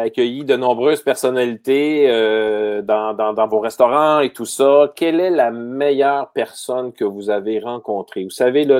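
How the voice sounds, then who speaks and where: Hesitant Quebec interviewer. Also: male voice, medium pitch, darkish tone. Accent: Quebec French. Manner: hesitant, many "euh" fillers. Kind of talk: interview questions.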